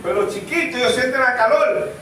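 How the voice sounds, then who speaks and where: Animated pastor in an echoey church. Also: male voice, very high-pitched, brisk, background noise. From Venezuela. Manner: animated, full of rhetorical questions, acts out baby cries. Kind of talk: sermon. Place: church sanctuary. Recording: echoey church room, mic far off.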